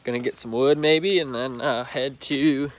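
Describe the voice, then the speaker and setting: A man's voice: mid-range voice, fairly even intonation, unhurried, slight background noise. A young man casually narrating his weekend vlog, talking in a laid-back, rambling way into a phone held at arm's length. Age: young adult. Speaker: vlogger. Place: outdoors and at home, handheld. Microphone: phone camera at arm's length.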